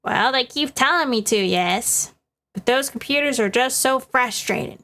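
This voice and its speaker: A woman's voice: sits high, measured pace, sharp tone, exaggerated voice. A woman voicing a cranky, gossipy old woman security guard in a scolding old-lady drawl, reading game dialogue aloud. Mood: dismissive.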